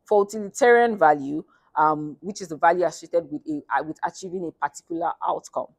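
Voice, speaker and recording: Woman, slightly low voice, academic thesis presentation, hesitant and halting, close dry sound. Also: no echo. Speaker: student presenting research at a thesis defense. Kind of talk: academic presentation, semi-scripted.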